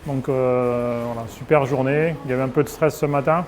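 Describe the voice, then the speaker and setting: A man's voice: medium pitch, fairly even intonation, fairly quick. A man who supervises the student team speaks in an ordinary register in a short interview. He sounds pleased and lists his thanks one by one, with a light background hiss. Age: adult.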